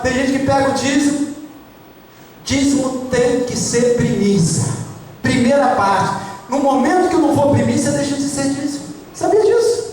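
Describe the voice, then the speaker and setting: A male pastor with a Brazilian Portuguese accent delivers an emphatic sermon, repeating his key points and asking the congregation questions. His voice sits very high for a man. It is caught from a distance in a church hall with long, heavy reverb. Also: a little hiss or hum. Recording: echoey church hall from far off.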